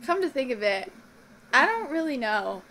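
A woman's voice: high-pitched, big pitch swings, moderate pace. A young woman in her twenties, chatting and laughing in a teasing, bubbly way from her bedroom. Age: 20s. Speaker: vlogger. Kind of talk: casual chat and video-chat banter.

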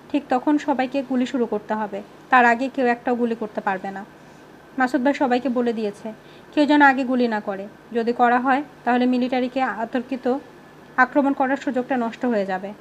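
A woman reading a novel aloud in a steady storytelling manner, voicing the characters' lines herself. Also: a little high, slight background noise. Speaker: audiobook reader. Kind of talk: storybook narration with voiced dialogue.

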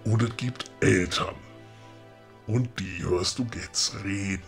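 A man's voice: fairly low pitch, slow pace, soft background music. A man with a Ruhr German accent playing a grumpy but helpful middle-aged woodcarver in a comedic audio play, chummy and matter-of-fact. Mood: hypnotic, soothing.

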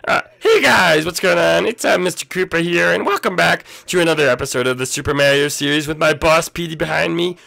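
A man's voice: a little high, a little fast, creaky, hardly any pauses, exaggerated voice. A man voicing an eager, nervous turtle henchman who stammers and fills his talk with ums. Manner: stammering, excitable, with many ums.

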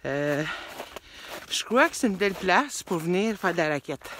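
A woman's voice: lowish voice, animated, normal speed, a bit bright, slight background noise. Chatty Quebec French woman hiking outdoors. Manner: chatty, rambling, laughs often. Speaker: hiking vlogger. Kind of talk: casual vlog chat. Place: snowy park trail outdoors. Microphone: phone at arm's length.

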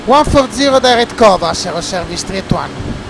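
High-voiced pilot man on cockpit headset. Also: sing-song, moderate pace, creaky. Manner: clipped, terse pilot phraseology on a headset mic. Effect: pilot speaking over a cockpit headset. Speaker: flight sim player acting as pilot. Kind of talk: radio calls and cockpit callouts. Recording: noisy background hum.

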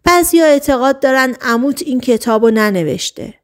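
A woman's voice: sits high, animated. Woman doing a worn-out journalist guy in an audiobook, pretty plain, no big voice. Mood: weary.

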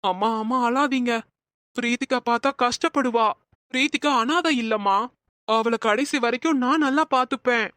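A woman voicing a gentle, caring young man in a Tamil cartoon, soothing and reassuring in manner. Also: a little high, normal speed, dry recording, studio quality, lightly acted.

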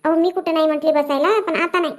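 A woman playing a sharp-tongued village woman who quarrels and talks back fast in a comedy sketch. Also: extremely high pitch, fairly even intonation, no room sound. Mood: chatty. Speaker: sketch actress.

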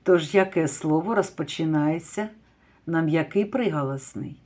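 A woman teaching a kindergarten class, reading words out one by one and praising the children gently. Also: deep voice. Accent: Ukrainian. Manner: drawn-out word-by-word dictation with gentle praise. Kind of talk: slow, deliberate lesson for young children.

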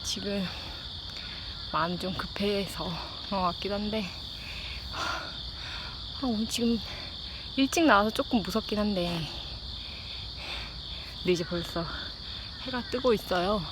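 A woman talks casually and reflectively while out running, with audible breaths, thinking aloud and pausing to ask herself how to put things. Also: medium pitch. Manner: thinking aloud with self-questions and pauses. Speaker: host of a running-and-chat audio diary. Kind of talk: casual reflective solo chat. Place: outdoors at early dawn. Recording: outdoor noise with insect chirps. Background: outdoor ambience with crickets and insects.

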